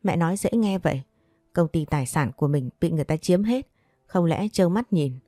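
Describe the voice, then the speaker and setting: A woman's voice: on the low side, animated, brisk, dark tone, dry recording, clean studio sound, soft background music. A woman reading the lines of a spoiled, resentful young woman in an audio story. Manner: sulky, resentful.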